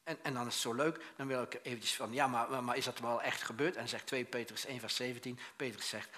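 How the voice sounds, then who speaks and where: Guy preaching, animated storyteller, bright sharp voice, keeps restarting and doing voices. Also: mid-range voice. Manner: acts out quoted voices, swings loud and soft. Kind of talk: lively sermon.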